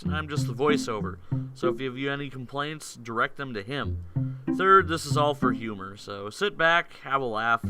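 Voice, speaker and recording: Sarcastic man ranting over loud music. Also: mid-range voice. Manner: sarcastic, lively, often raising his voice to rant. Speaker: voiceover narrator. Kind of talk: comedic scripted narration.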